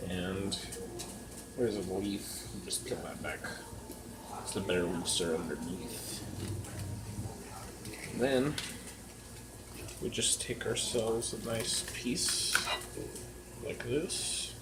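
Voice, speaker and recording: A man's voice: fairly low pitch, heavy background noise. A man talking casually while he works in a kitchen, laid-back, muttering and swearing freely. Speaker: cooking helper doing the chopping. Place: kitchen, indoors. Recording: loud music and clattering cutlery behind.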